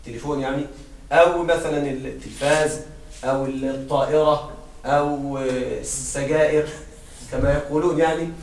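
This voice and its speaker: High-voiced teacher in an echoey classroom. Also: male voice, a little hiss or hum. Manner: questioning students, repeats and restarts. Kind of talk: classroom grammar lesson. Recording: roomy classroom sound from far off.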